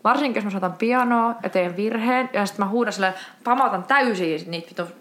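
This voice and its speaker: A young woman co-hosting a podcast in casual chat, lively, laughing often and swearing heavily. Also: mid-range voice. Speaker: podcast co-host.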